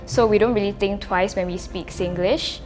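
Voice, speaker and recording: A woman's voice: mid-range voice, fairly even intonation, moderate pace, darkish tone. A young adult woman with a Singaporean accent and a Singlish way of speaking, a student talking casually in an interview. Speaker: university student. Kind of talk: casual interview talk to camera. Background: music.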